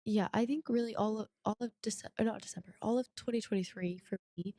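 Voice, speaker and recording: A woman's voice: mid-range voice, fast, warm tone, dry recording. A young woman co-hosting a podcast, chatting casually with a stuffed-up nose and a rambling, self-correcting way of talking. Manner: chatty, rambling, frequent restarts and laughs. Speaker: podcast co-host. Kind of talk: casual chat.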